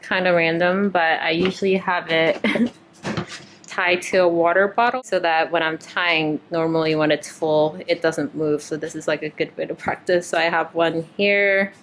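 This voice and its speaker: A young woman talks casually to camera from her home, chatty and loose, with frequent "like" fillers. Her voice sits a bit low but sounds bright and tense. A faint hiss runs underneath. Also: low-quality recording. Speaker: new resident doctor vlogging. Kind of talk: casual vlog talk to camera. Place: at home, indoors.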